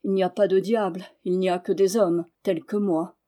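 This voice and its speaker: Worldly male painter, read by a woman, soft, tender, persuasive, lowered voice, mellow tone, storybook. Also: steady tone, moderate pace, close to an everyday voice. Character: smooth-talking worldly man, a painter.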